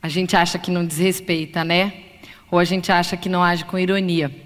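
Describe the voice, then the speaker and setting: In a lecture hall with long reverb, a woman psychologist speaks live to an audience. Her voice sits on the low side and moves fairly quickly, and she's expressive, acting out examples in different voices.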